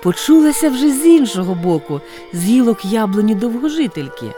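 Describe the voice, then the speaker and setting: A woman narrating a storybook tale in an expressive way, with sweeping pitch. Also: brisk, music in the background. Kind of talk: storybook reading.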